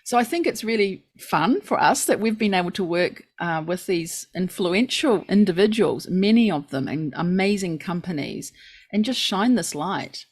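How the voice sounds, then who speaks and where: A woman's voice: lowish voice, expressive, moderate pace, husky. A woman with a New Zealand accent co-hosting a podcast, earnestly sharing reports and reflections at length. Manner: earnest, informative, lists facts and reports at length. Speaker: podcast co-host. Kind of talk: casual podcast chat.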